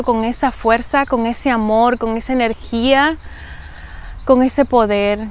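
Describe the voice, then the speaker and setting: A woman's voice: a little high, a little hiss or hum. A Dominican woman in her late twenties with a Dominican Spanish accent, sharing earnest, heartfelt reflections in a personal vlog, recorded outdoors in a garden on a lapel mic. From Dominican Republic. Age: 20s. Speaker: vlogger.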